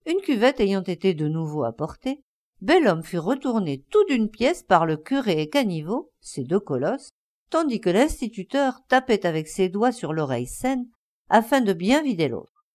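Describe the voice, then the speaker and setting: A woman narrating a classic story, expressive and acting out the scenes. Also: mid-range voice, normal speed. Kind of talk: storybook reading.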